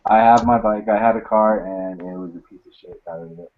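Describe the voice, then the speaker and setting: A young man with a lowish voice talks loosely in a casual group hangout. His delivery is slangy and sweary, and the recording is dull and lo-fi. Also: fairly even intonation, brisk.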